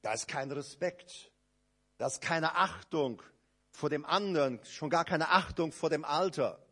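Guy preaching a sermon, fairly high voice, goes loud and rising then drops low and quiet, acts out little dialogues. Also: measured pace. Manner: emphatic, swings between loud rising outbursts and low quiet asides; acts out quoted speakers in short dialogue bits.

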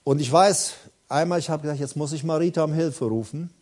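A man preaching a sermon with fervor, repeating phrases for emphasis and swinging from quiet, intimate words to loud cries while addressing his congregation directly. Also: a little high, brisk.

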